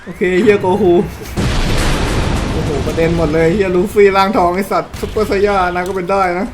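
A man giving loud, excitable gameplay commentary, swearing constantly and yelping as he plays. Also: high voice, brisk, noisy background. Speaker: gaming YouTuber. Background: game music.

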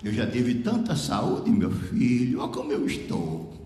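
Frail trembling old woman as a preacher puts her on, slow and low, echoey hall. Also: wildly swooping pitch, warm tone. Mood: frail, tender. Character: frail dying old woman, gentle and tender. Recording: echoey hall, faint background noise.

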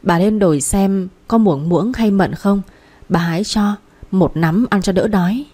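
Old village woman, blunt and scolding, read by a female narrator; mellow tone. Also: medium pitch, a little slow, breathy edge. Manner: coarse, nagging.

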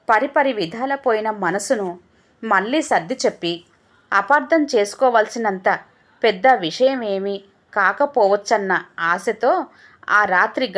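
A woman narrating a moral story in a steady, earnest scripted reading. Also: medium pitch.

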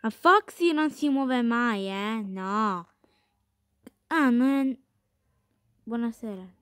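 A woman giving excitable, chatty commentary while playing a game, talking to her viewers and to the game characters. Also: a little high, takes it slowly. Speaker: gaming streamer. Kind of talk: playful gameplay commentary.

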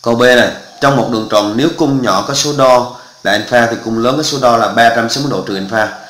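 A man's voice: medium pitch, quick pace, a bit bright, roomy sound, poor audio. A male math teacher, walking through exam answers step by step and often checking that students follow. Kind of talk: exam walkthrough lesson.

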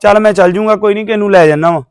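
A man's voice: high-pitched, rapid-fire, smooth, dry recording, studio quality. A man with a Punjabi accent playing an evasive young village son who keeps brushing off his mother's questions. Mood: easygoing. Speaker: grown son. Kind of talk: village drama acting.

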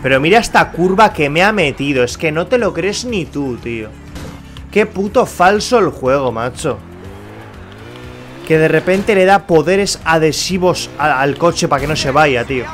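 Grumbling and swearing at the characters in his game, a young streamer from Spain keeps up casual, exasperated commentary. He speaks at a measured pace in an expressive, highish voice, with faint background music and car sounds from the game.

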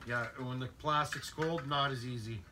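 Man in his 50s, DIY work-along chatter, loud shop noise under the voice. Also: mid-range voice, steady tone, moderate pace. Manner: chatty, mutters to himself while working. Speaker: DIY sled restorer. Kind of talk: casual work-along narration. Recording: loud workshop noise behind voice.

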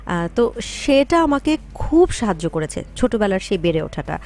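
A woman guest in a radio studio interview, picking her words with care, with pauses and fillers. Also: mid-range voice, big pitch swings, darkish tone, slight background noise. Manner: thoughtful, careful wording with many pauses and fillers.

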